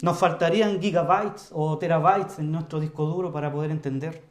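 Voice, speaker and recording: High-voiced man preaching a sermon. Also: steady tone, fairly quick. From Chile. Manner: earnest, emphatic, often addresses the congregation as "hermanos"; varies volume widely, rising to loud emphasis and dropping low.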